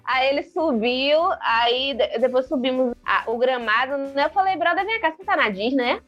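A young adult Brazilian woman telling a story in casual chat, acting out quotes with big jumps in pitch. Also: normal speed, highs cut off, faint music behind. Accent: Brazilian Portuguese.

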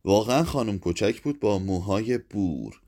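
A man narrating a literary short story in a measured, even reading voice. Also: on the low side. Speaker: audiobook narrator. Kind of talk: scripted narration.

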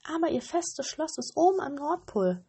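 A woman doing high cooing chattery doves. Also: very animated, moderate pace, dark tone. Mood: eager.

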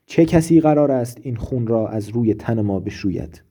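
A man voicing a raving, ailing philosopher who declaims loudly and grandly. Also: medium pitch, animated, breathy edge. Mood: declaiming.

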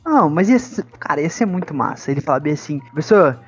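A man with a fairly high voice jokes his way through a casual podcast chat. His banter is relaxed and teasing. The audio sounds dull and lo-fi, with faint music behind. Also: fast talker, husky. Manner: joking, laid-back banter.

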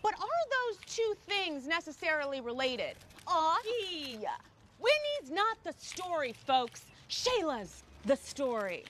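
An actress playing a brash, showy publicist in a sitcom. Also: female voice, extremely high pitch, very animated, slow pace, fairly bright tone, slight background noise, full character voice.

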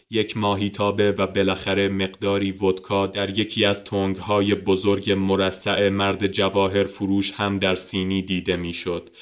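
A man narrating a story in a calm, steady way. His voice sits low and smooth, and it stays level with little rise or fall. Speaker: audiobook narrator. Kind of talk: scripted narration.

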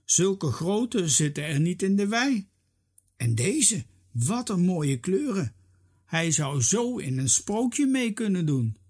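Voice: medium pitch, very animated, darkish tone, husky, pitched above the performer's own voice, full character voice. A reader doing a defiant little girl. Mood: amazed. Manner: defiant, quick-tempered. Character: stubborn, bold little girl. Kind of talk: storybook read-aloud.

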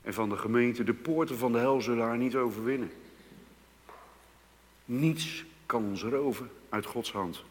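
A man preaching a sermon, moving from hushed, slow passages to loud, emphatic outbursts. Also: mid-range voice. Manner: dramatic swings between hushed and loud emphasis. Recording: long reverb of a church hall.

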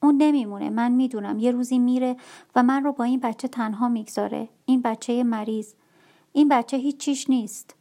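A woman voicing a troubled young woman painter who speaks in a halting, anxious, pleading way. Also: a little high, fairly even intonation, warm tone, lightly acted. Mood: fearful.

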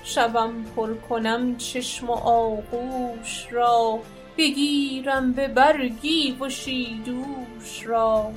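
A woman's voice: fairly high pitch, fairly even intonation, few pauses, soft background music, natural voice. A woman voicing an old male warrior chief in a story, speaking solemnly and pleading. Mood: mournful.

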